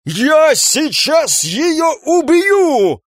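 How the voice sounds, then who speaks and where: Man voicing a hoarse, yelling old police captain. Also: sits high, very animated, normal speed, no room sound, clean studio sound, voice pushed up, exaggerated voice. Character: old male police captain near retirement, blustering, irascible.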